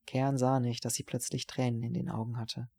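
A man reading a novel aloud as an audiobook narrator, in a measured, even storytelling voice. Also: mid-range voice, husky.

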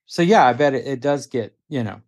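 A man hosting a podcast, chatting in a relaxed, friendly way with plenty of "you know"s. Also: medium pitch, a little fast. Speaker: podcast host. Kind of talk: casual podcast chat.

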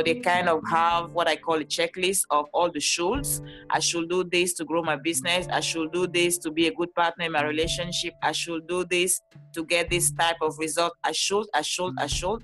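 A woman's voice: lowish voice, steady tone, normal speed, fairly bright tone, faint music behind. A woman from Cameroon with a Cameroonian accent, a life coach speaking as a podcast guest, cheerful and confident as she explains her ideas. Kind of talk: podcast interview.

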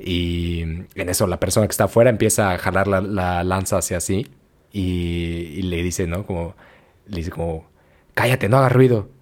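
A young man with a Mexican Spanish accent, telling a story in a slangy, animated, casual podcast chat. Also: deep voice, normal speed. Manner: slangy, animated, acts out quotes. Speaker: podcast host.

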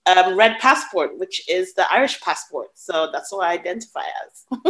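A woman from Nigeria, raised elsewhere, introducing herself as a podcast guest in a lively, laughing way. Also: lowish voice, moderate pace. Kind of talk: casual podcast conversation.

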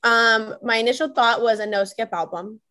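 A woman's voice: on the high side, fairly even intonation, moderate pace, pushed and bright. A woman speaking casually as a guest on a podcast, over a video call. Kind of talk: casual fan chat.

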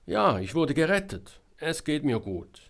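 A dry, matter-of-fact young woman reporter, calm and a little annoyed, as a man reading a story puts her on. The delivery is unhurried, with a lively rise and fall. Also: on the high side, gravelly, pitched above the performer's own voice, full character voice.

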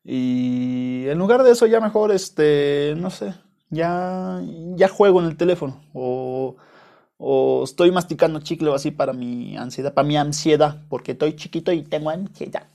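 A young adult man with a Mexican accent tells stories on his podcast in a loose, rambling monologue full of slang and profanity. His voice is fairly high and warm, with vocal fry, and his pace is normal.

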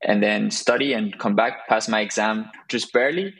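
A young man from Belgium speaks as a podcast guest, with a low-pitched voice. He talks easily and loosely, often restarting a phrase mid-sentence. The delivery is casual and unhurried. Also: poor audio. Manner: relaxed, with frequent restarts and laughs. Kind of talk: conversational interview.

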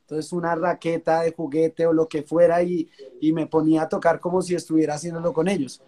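A young Colombian man with a Colombian Spanish accent, a singer-songwriter chatting in an interview and telling relaxed stories. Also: on the high side, a little fast. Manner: relaxed, storytelling, uses fillers like pues. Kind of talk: casual interview chat.

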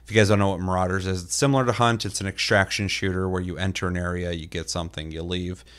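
Deep-voiced man rambling about games. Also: steady tone, quick pace, a bit bright. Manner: rambling, filler-heavy storytelling with casual swearing. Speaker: podcast co-host. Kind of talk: casual gaming podcast chat.

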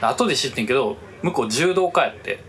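A man's voice: mid-range voice, fast talker. A man with a Kansai accent telling a story in casual podcast chat, full of fillers. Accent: Kansai Japanese. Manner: rambling, many fillers, lively telling. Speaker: podcast co-host.

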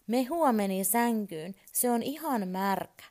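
A woman voicing a small, excited boy who will not sleep, calling out eagerly for his father in a storybook reading. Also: fairly high pitch, pitched above the performer's own voice.

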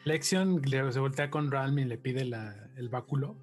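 Casual player, mid voice. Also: male voice, medium pitch, lively intonation, measured pace, faint music behind. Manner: casual, joking. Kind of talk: casual tabletop play.

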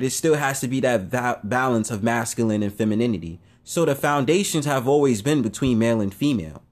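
Blunt rambling male show host. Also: mid-range voice. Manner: rambling, blunt, repeats himself. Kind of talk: casual opinion monologue.

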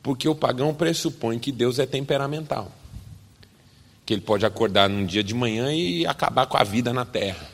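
Husky-voiced male preacher in a hall. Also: medium pitch, expressive, normal speed. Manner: rhetorical questions, rising emphatic delivery, wry asides. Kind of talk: sermon.

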